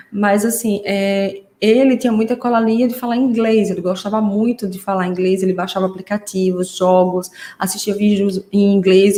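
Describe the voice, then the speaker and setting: A woman speech therapist gives a live online class to parents, explaining step by step and often checking in with a quick "né?". Her voice sits at an ordinary middle pitch. The room adds a noticeable echo. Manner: warm explanatory, frequent "né?" tags. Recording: roomy echo.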